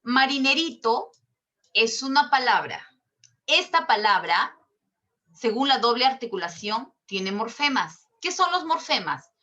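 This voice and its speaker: Casting: woman teacher, slow and patient, bright, fairly high voice. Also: very animated, lo-fi sound. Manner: patient, explains step by step with checking questions; slow and drawn out. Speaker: language teacher. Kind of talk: online class lesson.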